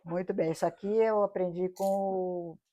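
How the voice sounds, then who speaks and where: A woman's voice: fairly low pitch, steady tone, moderate pace, dark tone. A middle-aged woman with a Brazilian Portuguese accent teaching a Bible study lesson, explaining patiently and often asking her listeners rhetorical questions.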